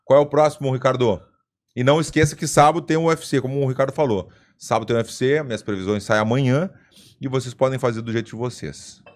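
A man hosting a podcast in casual chat, joking and laughing often with quick asides. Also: medium pitch, steady tone. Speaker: podcast host.

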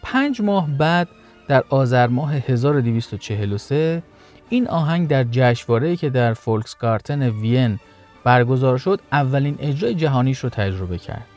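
A man's voice: mid-range voice, darkish tone. A man narrating a history story in a casual, conversational way, stepping aside now and then to explain things to his listeners.

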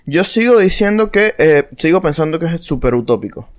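A man co-hosting a casual podcast, skeptical and joking, with quick retorts. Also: on the high side, expressive. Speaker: podcast co-host. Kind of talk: casual debate.

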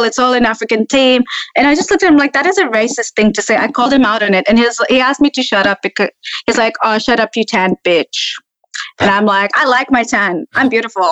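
A woman's voice: a little high, no echo, rough recording. A woman from Tanzania, a podcast guest, telling personal stories in casual chat and acting out the dialogue. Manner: lively storyteller, acts out quoted dialogue.

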